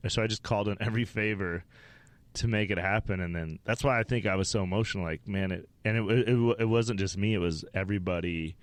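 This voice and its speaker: A man's voice: on the low side, quick pace, no echo. A man from Wyoming, a stand-up comedian, telling rambling, profane stories as a podcast guest. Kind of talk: casual interview storytelling.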